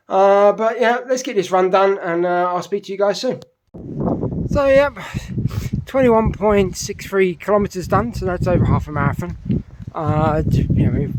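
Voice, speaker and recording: A man's voice: sits high, background noise. A middle-aged man with a British accent, a little out of breath after a run, chatting casually to camera and rambling with lots of fillers and restarts. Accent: British English. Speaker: running vlogger.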